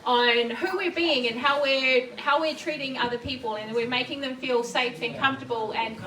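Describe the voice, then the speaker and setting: Nervous, high-voiced New Zealand woman preaching. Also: moderate pace, sharp tone. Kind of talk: informal sermon to a gathering. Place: echoey indoor room before a gathering. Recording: distant microphone, echoey room, faint noise.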